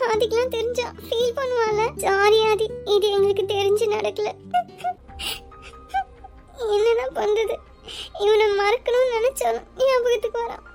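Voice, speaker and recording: A woman playing a tender heartbroken young cartoon heroine, very high-pitched and soft, her lines emotional and close to tears. light children's music plays faintly under her. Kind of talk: cartoon voice acting.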